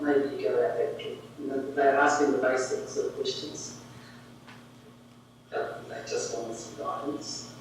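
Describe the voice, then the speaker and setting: A man's voice: mid-range voice, darkish tone. A man from New Zealand with a broad Kiwi accent, a pharmacist recounting his experience. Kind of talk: recounting experience in a recorded video. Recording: very echoey, distant, faint noise.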